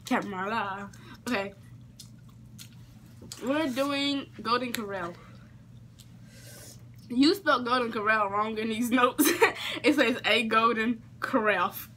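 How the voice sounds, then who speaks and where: A woman's voice: fairly high pitch, takes it slowly, pauses often, a bit bright. A young woman chatting casually and bluntly, teasing, in a bedroom. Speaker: prank-call vlogger. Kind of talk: casual chat, joking banter. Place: bedroom, camera on the bed at arm's length. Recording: noisy home camera audio.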